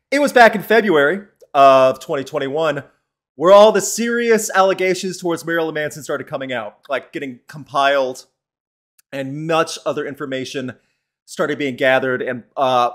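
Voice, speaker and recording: A man hosting a live-streamed podcast, talking in a chatty, opinionated way and answering the chat as he goes. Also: on the high side. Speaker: podcast host.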